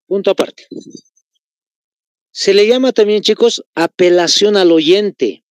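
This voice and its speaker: A man's voice: high-pitched, slow pace, no echo. Bolivian man teaching, repeating key phrases. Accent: Bolivian Spanish. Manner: explains patiently, repeats key phrases, addresses students as chicos. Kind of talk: online class lesson.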